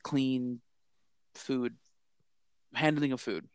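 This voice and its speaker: A man's voice: mid-range voice, steady tone, extremely slow, clean tone, no room sound. A man co-hosting a podcast, frank and profane, telling stories in casual chat. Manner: frank, storytelling, swearing. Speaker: podcast co-host.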